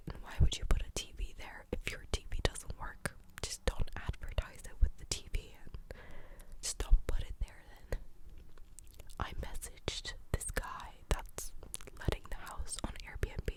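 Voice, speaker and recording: A young adult woman whispers a rambling, informal ASMR storytime close to the ear in a breathy, clicky, unvoiced whisper with a mildly exasperated manner. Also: measured pace, rough recording. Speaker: ASMR creator telling stories. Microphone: close ASMR stereo mic at the ear.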